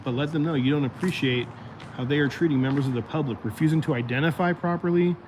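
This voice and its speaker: A man's voice: a little high, quick pace, background noise. A man hosting a casual livestream, rambling and chatting straight to his viewers, his voice going out. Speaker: livestream host.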